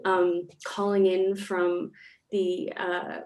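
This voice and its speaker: A Canadian arts researcher talks very slowly in a lowish, darkish voice that barely shifts in pitch. Joining a panel discussion by video call from a home or office in Melbourne, she reflects thoughtfully and uses many fillers.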